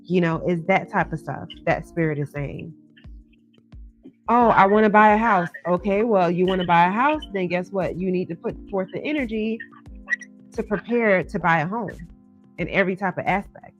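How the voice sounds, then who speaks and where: Psychic hotline host, woman, tarot reader with encouraging, chatty patter; muffled low-fidelity audio, music underneath. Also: moderate pace. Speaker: psychic tarot card reader hosting a live call-in. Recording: dull lo-fi sound with music behind.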